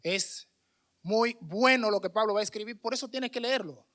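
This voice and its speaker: A man's voice: sits high, moderate pace, pushed and bright. A man with a Dominican Spanish accent, a missionary preacher giving a conversational sermon with restarts and fillers. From Dominican Republic.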